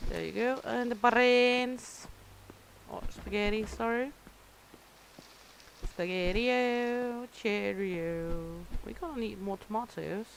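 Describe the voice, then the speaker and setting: Woman gaming, slow drawly talk, kinda high voice, cussing at customers for fun. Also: a little hiss or hum, poor audio. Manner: grumbling and swearing at customers; playful, talks to herself while working. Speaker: gamer playing a cooking simulation. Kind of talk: casual gameplay commentary.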